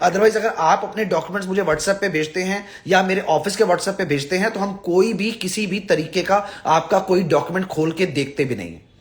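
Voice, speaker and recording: A visa advisor who hosts a live stream speaks to his followers in a high voice at a moderate pace. He is blunt and exasperated, scolding them and pleading with emphatic repetition.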